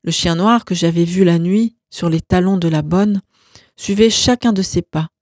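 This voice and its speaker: A woman reading a novel aloud as narrator, in calm, even storytelling. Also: fairly low pitch, moderate pace, no room sound, clean studio sound. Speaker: audiobook narrator.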